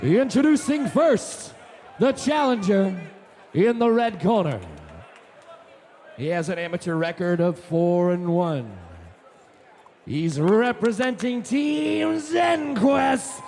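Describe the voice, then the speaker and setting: A man working as a ring announcer, shouting drawn-out boxing-style introductions in a booming showman delivery at a live fight event. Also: gravelly. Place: cage fight venue with a crowd. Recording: live event, crowd and faint noise.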